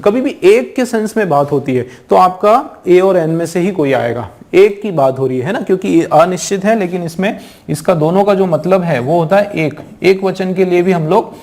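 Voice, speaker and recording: His voice sits high and sounds a little mellow. This teacher from India gives an exam-prep English grammar lecture, explaining patiently, quizzing his students often and slowly reading out the English examples.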